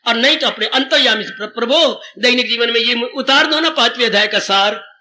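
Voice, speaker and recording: A man's voice: very high voice, a little fast, pushed and bright. An older man giving a devotional sermon on scripture. He repeats phrases for emphasis, recites couplets and calls his listeners children. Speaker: spiritual teacher.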